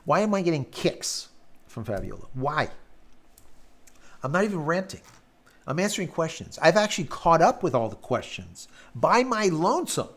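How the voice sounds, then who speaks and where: A man's voice: a little high, sing-song, moderate pace, fairly bright tone. Blunt, swearing man with sore throat. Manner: blunt, ranting, swears freely. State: sore, worn throat after hours of talking. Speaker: live-stream host. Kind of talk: casual live-stream chat.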